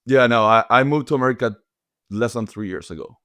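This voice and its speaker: Guest, Argentine man with a Spanish accent, smooth voice, pauses for English words. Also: medium pitch, a bit bright, no room sound. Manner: thoughtful, searches for English words. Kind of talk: casual podcast interview.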